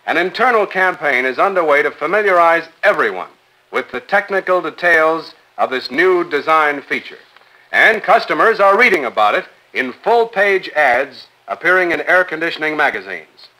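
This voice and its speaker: A man co-announcing a 1950s company newsreel, reading news items in a brisk, upbeat announcing manner. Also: on the high side, sing-song, bright, forceful tone, poor audio.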